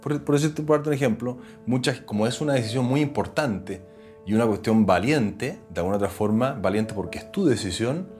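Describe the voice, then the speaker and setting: A man with a Chilean accent, an actor and presenter, telling his story as an interview guest in an earnest, animated way. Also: mid-range voice, fairly quick, faint music behind. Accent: Chilean Spanish. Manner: earnest, animated, voices other people when retelling. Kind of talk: reflective conversational storytelling.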